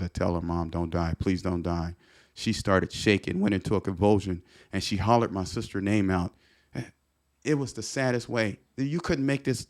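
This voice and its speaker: A middle-aged man telling a personal story as a podcast guest, earnest and repetitive, often restarting his sentences. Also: on the low side.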